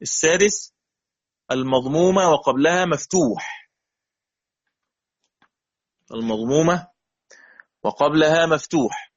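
A man with an Egyptian accent teaching Quran recitation in a classroom lesson, drawing out example words slowly and checking often that students follow. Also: on the high side, dull audio. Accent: Egyptian Arabic.

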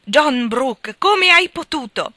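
A woman's voice: fairly high pitch, fairly quick, pushed and bright, no room sound, pitched above the performer's own voice. Woman acting out a distraught, tearful young wife. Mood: distraught, indignant. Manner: sobbing, exclamatory outbursts.

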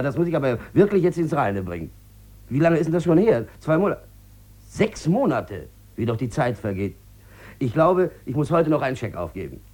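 An actor playing a desperate, sick gambler in debt, pleading and stammering on the phone in a 1950s radio play. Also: male voice, medium pitch, darkish tone. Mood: nervous, ingratiating. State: feverish. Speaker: lead character in a radio drama.

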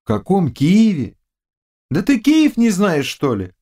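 A man reading an audiobook voices a small male knight who speaks calmly and firmly. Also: sits high, a little slow, voice pushed up, exaggerated voice. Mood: sober.

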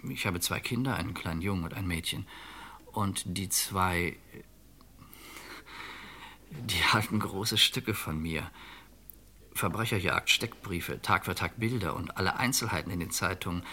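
Voicing a resigned middle-aged fugitive in a vintage radio crime drama, a deep-voiced male actor speaks calmly, measured and reflective. The mood comes across as resolved and subdued.

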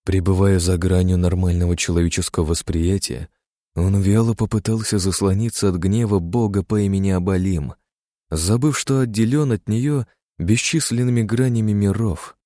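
A man reading a fantasy audiobook as narrator, in a dramatic, steady reading style. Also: low-pitched, moderate pace, dry recording, clean studio sound. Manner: dramatic, steady reading that voices characters' shouts.

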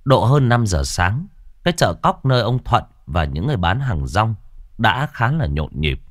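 A man narrating a story in an expressive storytelling manner. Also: lowish voice, normal speed, dry recording, clean studio sound.

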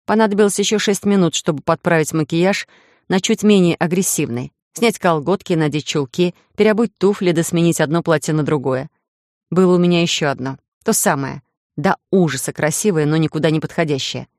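A woman's voice: sits low, brisk, darkish tone, no echo, studio quality. Woman narrating an ironic romance. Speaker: audiobook narrator. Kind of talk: scripted narration.

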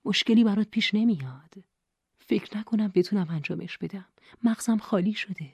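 A woman's voice: mid-range voice, creaky, a little mellow, slightly rough, no room sound, voice pushed up. A woman voicing an anxious young woman who hesitates and stammers as she speaks, in an audiobook reading. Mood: nervous. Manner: hesitant, stammering, halting restarts.

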